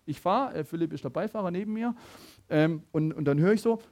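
A man preaching a sermon, telling a personal story with animated stammering restarts and talking straight to his listeners. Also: a little high, brisk. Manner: animated, stammering restarts, addresses the audience directly.

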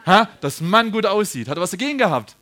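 Man, preacher, high voice, storytelling sermon. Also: big pitch swings, quick pace, bright, forceful tone. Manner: storytelling, laughing, asks the congregation questions.

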